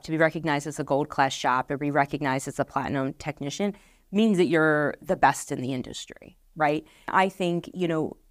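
Her voice low and dry, a middle-aged marketing director answers a podcast interviewer's questions with earnest explanations that circle back through fillers and restarts. Close and dead through a lapel mic, the recording is dry.

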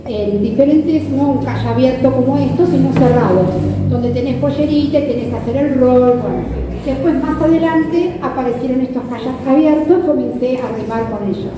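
A kayak fishing safety instructor, a middle-aged woman with a Rioplatense Argentine accent and a high voice, talks at a moderate pace to seated listeners in a big hard-floored club hall. Conversational, she checks in often with question tags while holding a PA microphone. Filmed by a distant camera, the audio is muffled, echoey and noisy with crowd murmur.

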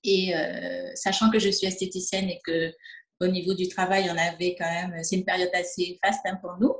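Her voice is fairly low with little pitch movement and a moderate pace, and the space sounds reverberant. She's a woman in her fifties from French Guiana, a distributor interviewed for a testimonial, hesitating often, using lots of fillers, and voicing quoted dialogue.

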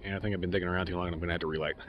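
A man's voice: low voice, fairly even intonation, racing, muffled recording, a little hiss or hum. A man reviewing a cigar in a laid-back, rambling vlog, talking with a cigar in his mouth.

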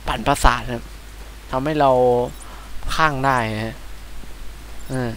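A young man with a Thai accent giving chatty, excitable let's-play commentary, often startled into quick exclamations. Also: medium pitch, a little hiss or hum, rough recording. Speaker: gaming channel host.

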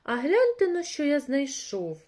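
Storybook rooster, brisk and fair, high and lively, woman reader voicing him. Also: full character voice. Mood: cheerful. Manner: brisk, calling out and questioning. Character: hardworking, fair little rooster. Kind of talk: storybook reading for children.

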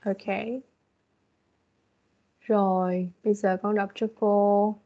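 A woman teaching English to a young child online, patient and coaxing as she explains things slowly. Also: medium pitch, level tone. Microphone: video call. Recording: dull lo-fi video call audio.

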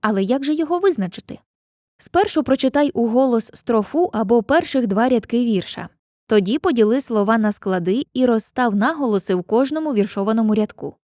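Mellow-voiced woman narrating a literature lesson. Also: fairly high pitch, lively intonation, dry recording, studio quality. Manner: clear, measured delivery, reading poetry slowly. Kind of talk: scripted educational narration.

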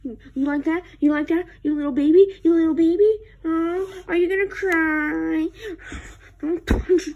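A woman's voice: extremely high pitch, very animated, moderate pace, darkish tone, highs cut off. A woman voicing a bossy young male hedgehog hero in a homemade fan skit, bickering and hurling mocking insults. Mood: taunting.

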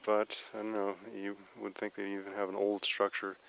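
A man hiking in the woods, musing aloud in casual halting commentary for his video. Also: lowish voice, completely flat delivery, vocal fry. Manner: musing, halting, soft-spoken. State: out of breath. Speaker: vlogger exploring for Bigfoot signs. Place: outdoors in a mountain forest. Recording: noisy outdoor camera audio.

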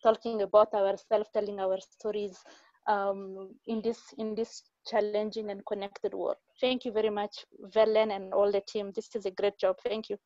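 A woman in her forties from Mali, making an earnest, halting comment over a video call with many fillers. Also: mid-range voice, little pitch movement, a little mellow, dry recording, dull audio. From Mali, West Africa. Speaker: audience participant in online talk.

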